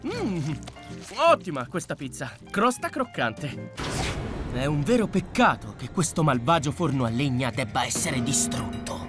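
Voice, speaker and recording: Cocky, excitable young cartoon hero, swinging pitch. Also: male voice, a little slow. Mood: sheepish, smug. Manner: overdramatic, emphatic. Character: cocky young male superhero leader, excitable and scheming. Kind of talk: animated cartoon dub. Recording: loud music bed behind.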